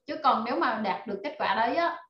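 A woman leads a live online class, energetic and full of fillers as she rallies her students. Her voice sits fairly high, and the call audio is roomy and dull. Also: quick pace. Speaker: online course instructor.

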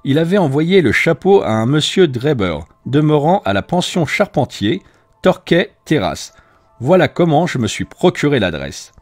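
A man's voice: a little high, sing-song, normal speed, darkish tone, dry recording, faint music behind, pitched above the performer's own voice. A man voicing a proud, boastful police detective recounting his inquiry. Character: confident male police detective, middle-aged, boastful.

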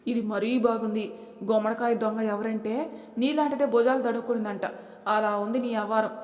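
A woman voicing a sharp-tongued, scheming middle-aged mother-in-law in a family audio story, with a scolding, haughty manner. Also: a little high, fairly even intonation, brisk, natural voice. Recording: echoey reverberant room.

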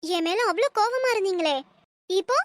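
A woman voicing a cold, defiant young wife in an animated cartoon, speaking in sharp, cutting retorts. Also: very high voice, moderate pace, no echo. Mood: angry, scornful.

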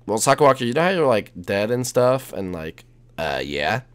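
A man's voice: medium pitch, big pitch swings, normal speed. A young man hosting a gaming video, chatting casually and slangily through improvised role-play.

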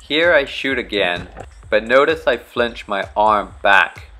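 A young man from the Bahamas, a charter fishing captain, calmly explaining spearfishing technique step by step in a voice-over. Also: lowish voice, slow pace, faint music behind. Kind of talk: instructional voice-over.

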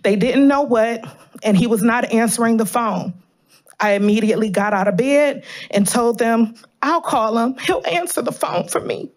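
A woman's voice: on the high side, normal speed. A woman in her thirties reading a prepared statement at a city council meeting, speaking earnestly and emotionally, at a podium microphone in a large chamber. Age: 30s. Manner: earnest, pleading, emotionally charged. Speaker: public commenter at city council. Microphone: podium gooseneck microphone.

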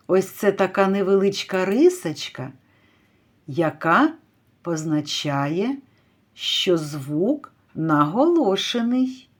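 A woman teaching a literacy lesson to young children, slowly drawing out stressed vowels as she calls out words. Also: fairly low pitch. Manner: slow, drawn-out, stretching stressed vowels to call out words. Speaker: kindergarten teacher.

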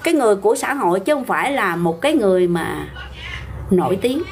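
A woman's voice: medium pitch, expressive, quick pace, noisy background. An older woman with a Southern Vietnamese accent, hosting a casual livestream, talking back bluntly and argumentatively to viewer comments.

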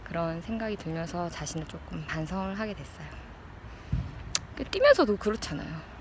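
In a tree-lined open park, a thirtysomething vlogger chats reflectively into a phone held at arm's length. She has a lowish voice with lively intonation and speaks haltingly, searching for words, while the park's background noise is plainly heard.

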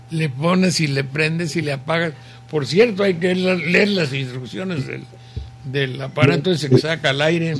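An older man with a Mexican accent hosts a radio show from a home study lined with bookshelves, reading listener messages aloud. His voice is a little high with vocal fry and a sore throat, and his casual on-air commentary is rambling, folksy, slow and unhurried.

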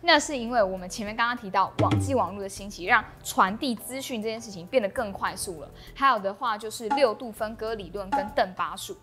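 A young woman with a Taiwanese accent hosts an explainer in a fairly high voice. She speaks to camera through a clip-on mic, with music playing behind her. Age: young adult. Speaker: host of an explainer channel. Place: small indoor room with bookshelves. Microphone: clip-on lapel mic. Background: background music.

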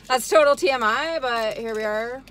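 A woman in her forties chats casually and giggles now and then as she films a travel vlog on a phone held at arm's length, moving through a car, a restaurant and a hotel hallway. Her voice is fairly high, a bit bright and unhurried, with a little hiss or hum.

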